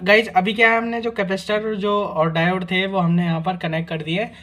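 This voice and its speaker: Man, high voice, repair tutorial host, step-by-step, chatty check-ins. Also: flat delivery, brisk, bright, forceful tone. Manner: explains step by step, often adds "guys" and "theek hai na". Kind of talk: casual hands-on repair demonstration.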